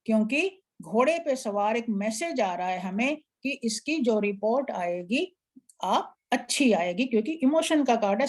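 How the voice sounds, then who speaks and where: A woman's voice: a little high, a little mellow. Woman teaching a tarot class. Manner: explanatory, instructive, asks an assistant to show slides. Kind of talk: live online class lecture.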